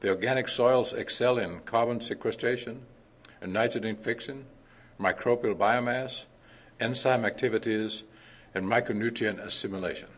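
Older throat-clearing man giving a talk. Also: medium pitch, moderate pace. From Denmark. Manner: clears throat often, folksy asides. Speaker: conference presenter. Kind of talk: conference talk with anecdotes. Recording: dull lo-fi recording.

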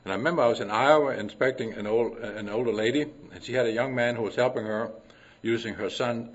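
An older man from Denmark giving a conference talk, clearing his throat often and mixing science with folksy anecdotes. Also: lowish voice, a little hiss or hum. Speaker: conference presenter. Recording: dull lo-fi recording.

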